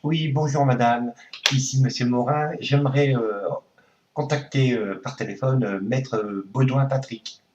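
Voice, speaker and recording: A man making a prank phone call, hesitant and full of pauses, earnestly conspiratorial. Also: mid-range voice, steady tone, a little mellow, a little hiss or hum. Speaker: prank caller.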